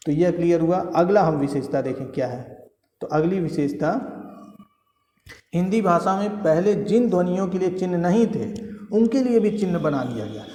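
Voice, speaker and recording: A man's voice: high voice, expressive, normal speed, warm tone. Man teaching in an echoey room. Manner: explains step by step with frequent checking questions; repeats key phrases for emphasis. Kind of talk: exam-prep grammar lesson. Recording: echoey room with long reverb.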